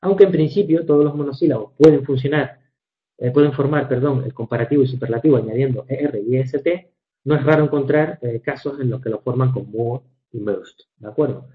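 A man teaching English grammar in a recorded lecture, measured and methodical, slowing down to read examples and correcting himself with fillers. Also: medium pitch. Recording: dull lo-fi recording.

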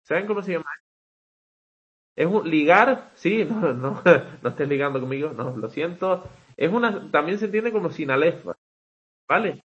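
A man's voice: a little high, expressive, moderate pace, long pauses, dull audio. A man teaching English poetic meter in an online class, talking conversationally and checking in with frequent rhetorical "vale", with some hesitant restarts.

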